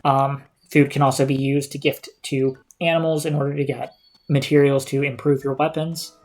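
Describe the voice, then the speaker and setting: A man's voice: medium pitch, little pitch movement, normal speed, darkish tone. A man giving casual live gameplay commentary as a streamer, indoors over game audio. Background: game music.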